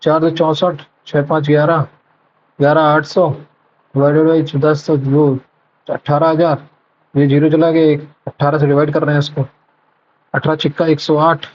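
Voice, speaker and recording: Muttering tutor working sums aloud, higher voice. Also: male voice, level tone, a little slow, long pauses, darkish tone, slight background noise. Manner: mutters numbers, self-corrects, mixes Hindi with English terms. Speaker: exam prep tutor solving a live mock test. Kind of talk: thinking aloud while solving math problems. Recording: dull lo-fi sound.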